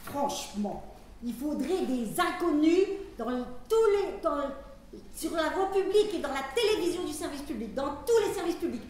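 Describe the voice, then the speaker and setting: A high, animated voice, a woman playing an insistent know-it-all at a café bar. The stage sound rings through an echoing hall, with noise clearly underneath. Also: moderate pace. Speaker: amateur stage actor. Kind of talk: amateur theatre comedy.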